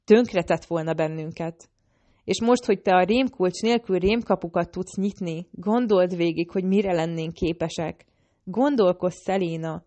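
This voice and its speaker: A woman's voice: on the low side, dark tone, lightly acted. A woman reading as a scheming male assassin. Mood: persuasive.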